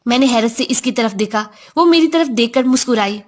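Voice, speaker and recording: A woman's voice: on the high side, animated. A woman reading a first-person story aloud in a reflective, confiding manner.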